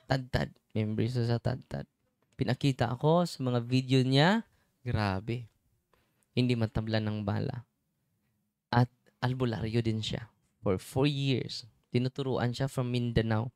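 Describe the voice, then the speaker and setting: Gravelly-voiced male priest preaching casually. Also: medium pitch, steady tone, unhurried, pauses often, a little mellow, no room sound, clean studio sound. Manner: chatty, keeps checking in with the congregation. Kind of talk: conversational sermon.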